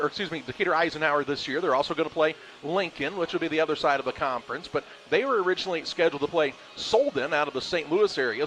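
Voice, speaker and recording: A man hosting a live high school football pregame show with sports commentary. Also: fairly bright tone, poor audio. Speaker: play-by-play host.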